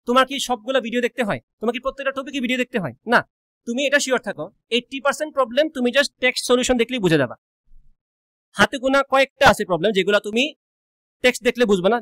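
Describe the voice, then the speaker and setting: A young man with a colloquial Sylheti-tinged Bengali accent, giving a blunt, rapid-fire orientation lecture as a coaching teacher, mixing in English words. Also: extremely high pitch, a bit bright. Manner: rapid-fire, says he always talks fast.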